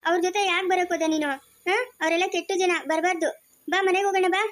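A woman's voice: very high-pitched, fairly even intonation, quick pace, a bit bright. A woman in a family drama playing a stern police officer who questions a suspect and comforts a lost child. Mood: scolding. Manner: commanding, suspicious. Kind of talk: amateur family drama acting.

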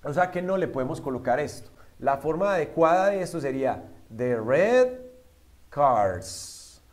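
A man teaching a language class, patiently spelling out examples slowly and quizzing his students. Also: fairly high pitch, animated. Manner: often checks in with a quick "¿sí?". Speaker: English teacher. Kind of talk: online classroom lesson.

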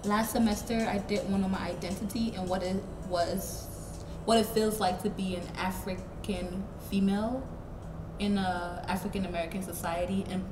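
A woman's voice: mid-range voice, moderate pace. Young woman in an echoey art studio. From Ghana. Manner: relaxed, candid, uses casual slang. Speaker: art student interviewee. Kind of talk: casual interview. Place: large indoor art studio. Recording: echoey studio with music behind.

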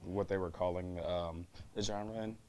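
Very deep laid-back man. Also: steady tone, normal speed, a little mellow. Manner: laid-back, laughs often, loose slang. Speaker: guest singer. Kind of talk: casual interview talk.

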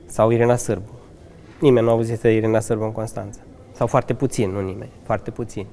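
His voice is on the low side, mellow, with little pitch movement: a Romanian man in his thirties who manages a restaurant, giving a conversational interview in its fireplace lounge. He answers earnestly, with enthusiastic asides, some laughs and restarts, into a handheld mic the interviewer holds, over slight background noise.

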